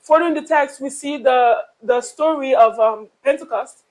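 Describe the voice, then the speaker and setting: A woman's voice: high voice, measured pace. A woman interpreting a sermon live, relaying the preacher's words in the third person with the odd filler.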